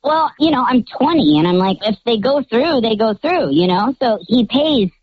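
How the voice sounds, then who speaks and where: Anonymous male caller, voice run through a pitch-shifting changer, cheery casual storyteller, muffled lo-fi line. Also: sing-song, normal speed, no echo. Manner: cheery, chatty, lots of "like" asides. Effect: pitch-shifting voice changer disguising his voice. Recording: muffled lo-fi call audio.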